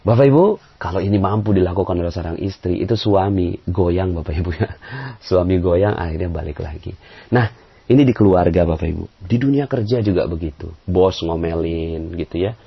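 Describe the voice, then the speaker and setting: A man's voice: fairly quick, gravelly, slightly rough. A man preaching to an audience in a conversational way, acting out quoted voices and chuckling often. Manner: conversational, acts out quoted voices with big pitch jumps; frequent fillers and chuckles. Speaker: Islamic preacher. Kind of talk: motivational religious talk. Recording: dull lo-fi audio.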